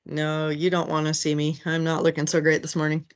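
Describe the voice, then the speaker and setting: A woman calling into a meeting over a speakerphone, chatty and quick to laugh at herself. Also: low voice, monotone. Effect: heard over a speakerphone. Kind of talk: casual meeting chat.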